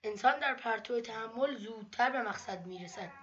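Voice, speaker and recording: Woman, storybook narrator, slightly high voice, measured steady reading, muffled lo-fi audio. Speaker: narrator reading religious stories. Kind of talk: read-aloud book narration. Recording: dull lo-fi recording.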